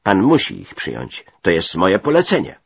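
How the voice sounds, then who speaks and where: A man's voice: sits low, wildly swooping pitch, normal speed, slightly rough, no room sound, lo-fi sound, full character voice. A man voicing a stern, officious British major who gives orders and makes threats. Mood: stern demanding.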